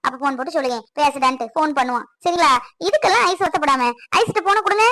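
A woman's voice: high voice, racing, fairly bright tone, dry recording. A woman playing a middle-aged mother who talks on the phone in a reassuring, chatty way, in a family skit.

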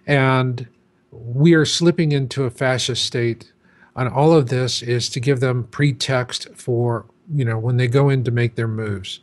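A man's voice: medium pitch, steady tone, unhurried. A man in his sixties, a guest in an interview, talking in an emphatic, casual way. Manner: emphatic, acts out chanting crowds in quotes.

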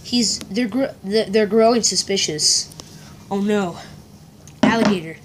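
A woman's voice: mid-range voice, unhurried. A woman improvising a toy-figure play, voicing every character and whispering prompts to a partner. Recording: steady background hiss.

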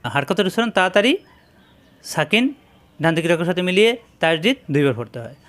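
A man's voice: a little high, sing-song, quick pace, fairly bright tone. A man teaching Quran letter pronunciation, patiently repeating syllables for his students to copy. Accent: Bangladeshi Bengali. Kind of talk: step-by-step pronunciation lesson.

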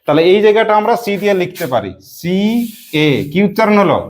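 A woman's voice: mid-range voice, very animated, darkish tone, slight background noise. A woman teacher leading a spelling lesson for young pupils, drilling them with call-and-response and frequent check questions. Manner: asks children quick check questions.

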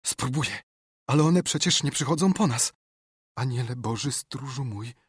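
A man's voice: medium pitch, normal speed, slightly rough, dry recording, studio quality, pitched above the performer's own voice. A man voicing a frightened boy who whispers in panic in a graveyard. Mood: terrified.

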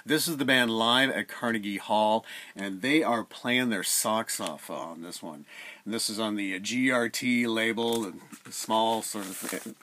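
A middle-aged man with a low voice talks about his record finds in an easygoing, rambling way, full of "uh"s. He sits close to the camera in a room at home. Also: a little slow. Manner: relaxed, rambling, many "uh" fillers. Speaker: record collector vlogger. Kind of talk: casual record review. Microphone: camera at close range.

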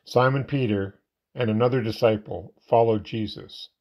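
A man reading a scripture passage aloud in measured narration. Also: lowish voice, fairly even intonation, muffled recording.

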